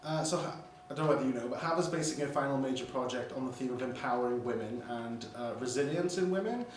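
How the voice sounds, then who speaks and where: A man's voice: mid-range voice, quick pace. A man interviewing a guest, reading questions and encouraging her with short agreements. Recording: very echoey, far from mic, faint noise.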